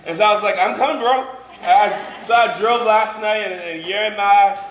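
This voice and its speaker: A campus minister in his twenties or thirties, born in Liberia and moved to Boston at thirteen, preaches an informal sermon to a live congregation in a large room. His high voice moves at normal speed, conversational and joking, peppered with "you know" and "right." The echoey recording carries some faint ambient background noise.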